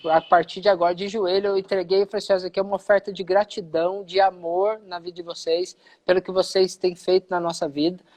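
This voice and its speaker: A man's voice: high voice, level tone, fast talker, few pauses, darkish tone. A man with a Brazilian Portuguese accent, a pastor giving a personal testimony in a live conversation, who acts out the dialogue he quotes.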